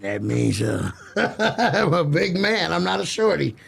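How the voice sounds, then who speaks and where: A man's voice: a little high, sing-song, takes it slowly, vocal fry, a bit bright, breathy edge. A man chatting as a podcast guest, playful and sing-song, slipping into rhyming baby talk. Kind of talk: casual comedic chat in character.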